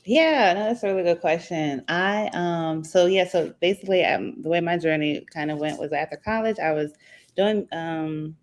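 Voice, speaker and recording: A woman's voice: on the low side, normal speed. A woman from Atlanta, a business owner guest in a casual interview, talking easily with many fillers and laughs. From Atlanta, Georgia. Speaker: guest entrepreneur.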